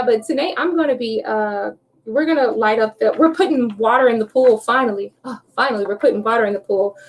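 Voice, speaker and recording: Higher-voiced woman doing a live tarot stream, chatty and giggly, faint hiss behind. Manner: chatty, laughs often, talks to viewers while shuffling cards. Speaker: tarot reader livestream host. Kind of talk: casual livestream chat.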